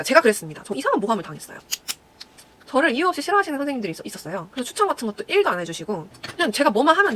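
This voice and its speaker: A young woman chats to her viewers at a very quick clip, a former announcer telling stories from her career. She slips into little voices for the people she quotes. A faint noise sits under the recording. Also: a little high, sharp tone. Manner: chatty storytelling, acts out quoted people. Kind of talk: casual chat to viewers while doing makeup.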